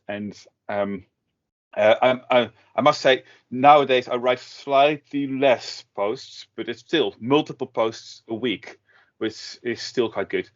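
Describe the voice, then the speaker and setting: A middle-aged man from the Netherlands, talking casually in an interview with many fillers and restarts. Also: mid-range voice. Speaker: guest, tech blogger. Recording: dull lo-fi audio.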